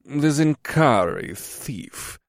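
A man's voice: mid-range voice, sing-song, takes it slowly, creaky, a little mellow, no room sound, studio quality, full character voice. A man doing an oily sneering courtier.

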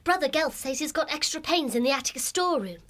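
A woman voicing a kindly young female hare in an audiobook, earnest and gentle. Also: sits high, expressive, a little fast.

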